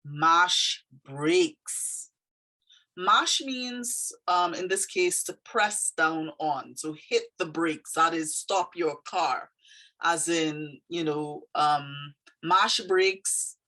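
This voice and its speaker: A woman from Trinidad, her accent carrying a slight Canadian tinge, explains one of her poems in a low, sharp-toned voice, speaking very slowly. She's thoughtful and hesitant, using many fillers in this casual talk. The audio is poor.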